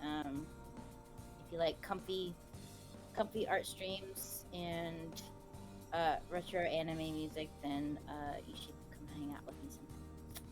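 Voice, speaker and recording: Hesitant soft-spoken young woman. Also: low voice, steady tone, takes it slowly, pauses often, music in the background. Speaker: streamer and artist. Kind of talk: shy self-introduction.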